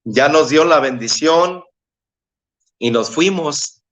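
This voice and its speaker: Earnest middle-aged Mexican man, halting. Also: a bit bright. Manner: earnest, halting, repeats himself, rises in pitch when moved. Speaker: bereaved father telling his testimony. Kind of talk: emotional personal testimony in an interview.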